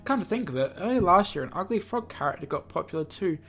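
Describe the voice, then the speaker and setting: Reading a visual novel on a let's play video, this host talks fast with lively intonation, stumbling now and then and adding joking asides. The voice is medium in pitch and a bit bright.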